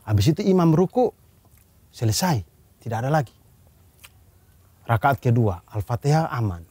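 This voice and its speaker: A man's voice: medium pitch, very animated, moderate pace, a little mellow, breathy edge, no room sound. An Indonesian man in casual podcast chat, telling a firsthand story earnestly and acting out a scream he heard.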